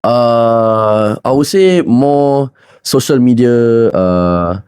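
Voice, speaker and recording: A man's voice: mid-range voice, animated, drawn-out words, a little mellow, smooth, no room sound, studio quality. A young man with a Singaporean or Malaysian accent chatting casually as a podcast guest in colloquial local slang English sprinkled with "lah". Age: young adult. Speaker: podcast guest, competitive bodybuilder.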